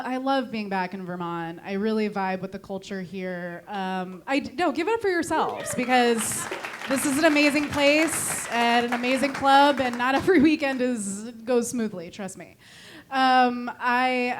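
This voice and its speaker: A young stand-up comedian from Connecticut in New England performs a dry, self-deprecating set on a club stage with a Connecticut accent. Her voice is on the high side, with a little hiss or hum in the recording.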